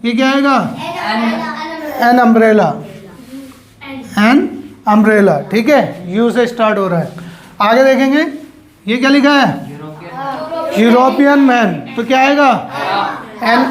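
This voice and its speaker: A woman's voice: a little high, a crowd in the background. A woman teacher, giving a grammar lesson to children in a classroom. She asks questions and answers them herself, stretching out key words. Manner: drawn out, slow words for emphasis.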